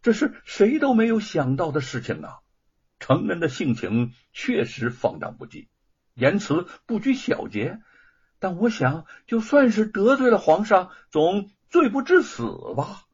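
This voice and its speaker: Man voicing an earnest consoling son, husky voice, dull lo-fi sound. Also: high voice, sing-song, measured pace, pitched above the performer's own voice, exaggerated voice. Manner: earnest reassuring tone. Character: dutiful adult son, gently consoling. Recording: dull lo-fi recording.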